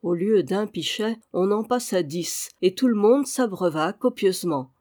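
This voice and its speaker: A reader narrating a historical adventure novel in a measured way. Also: medium pitch, expressive, a little mellow. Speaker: audiobook reader. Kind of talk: scripted narration.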